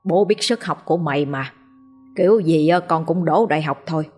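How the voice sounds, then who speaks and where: A woman narrator voicing a middle-aged village father who speaks with anguish and fury, in her own slightly husky voice. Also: sits low, moderate pace, darkish tone, soft background music. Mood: gentle. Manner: pleading, raging calls.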